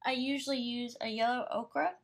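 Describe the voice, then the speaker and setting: A woman's voice: on the high side, fairly even intonation, normal speed, gravelly. A young woman painter chatting casually during a live studio stream, rambling a little and laughing easily, recorded on her phone in her studio. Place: her art studio, indoors.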